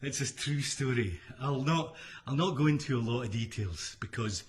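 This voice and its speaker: A man's voice: medium pitch, measured pace. A Scottish man livestreaming from home during lockdown, singing folk songs with jokey chat and coaxing viewers to join the chorus. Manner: jokey, coaxes viewers to sing along. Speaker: singer-songwriter livestreaming. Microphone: livestream microphone. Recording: loud instrument over voice. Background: loud acoustic instrument.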